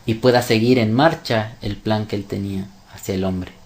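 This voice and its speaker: A man's voice: on the low side, fairly even intonation, moderate pace, darkish tone, a little hiss or hum. Emphatic male religious teacher. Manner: emphatic, with rhetorical questions. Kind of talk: sermon-style Bible teaching.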